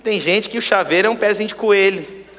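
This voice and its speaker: A male pastor preaching a sermon, swinging between loud exclamations and hushed asides. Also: high-pitched, fairly quick, slight background noise. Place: church sanctuary. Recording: long church-hall reverb.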